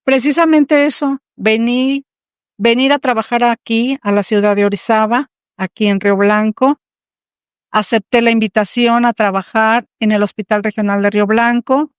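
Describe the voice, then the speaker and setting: A woman in her sixties with a Mexican accent tells her personal faith story in an earnest, measured way. Her voice is smooth and fairly high. The sound is dry and close. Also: steady tone, no room sound. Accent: Mexican Spanish. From Tampico, Mexico. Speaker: guest. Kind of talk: personal testimony.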